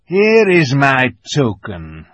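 A man doing a hoarse, wary talking beaver. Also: mid-range voice, huge pitch swings, slow, fairly bright tone, no echo, voice pushed up, exaggerated voice. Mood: confiding. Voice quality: hoarse throaty whisper. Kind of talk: storybook reading.

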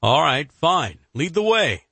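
An exasperated young agent , voiced by a male narrator, speaks in a raised, husky tone and pleads hard with his father. The read is close and dry. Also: on the high side, big pitch swings, slow, bright, forceful tone, no room sound, voice pushed up, exaggerated voice. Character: young male federal agent, desperate son.

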